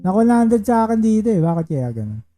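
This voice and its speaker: Chatty male live-streamer, mellow voice. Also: high-pitched, big pitch swings, quick pace, faint music behind. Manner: chatty, reads out viewer shoutouts and chants betting calls. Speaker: livestreaming baccarat player. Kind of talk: casual live-stream chat.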